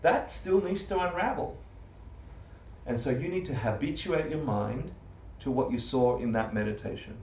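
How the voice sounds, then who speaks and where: A man teaching a Buddhist class live to an audience, animated, full of rhetorical questions and often laughing. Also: medium pitch, moderate pace, creaky, slight background noise. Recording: roomy, distant, muffled livestream audio.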